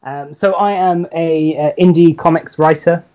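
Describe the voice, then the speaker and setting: A man's voice: on the high side, fairly even intonation, unhurried, a little mellow, highs cut off. Hesitant young London man. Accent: London English. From London, England. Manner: hesitant, many ums, laid-back. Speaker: guest, comics writer. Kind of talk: casual chat.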